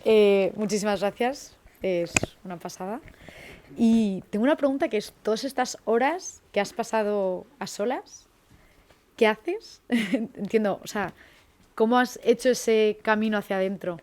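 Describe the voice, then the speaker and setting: A woman's voice: medium pitch, measured pace, darkish tone. A woman in the audience thanking the speaker and asking a question in a hesitant way.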